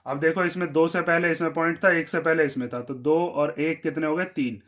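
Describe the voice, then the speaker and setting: An Indian man teaching a maths lesson step by step, asking questions and answering them himself, and dropping low on the one-word answers. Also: steady tone, brisk, a bit bright.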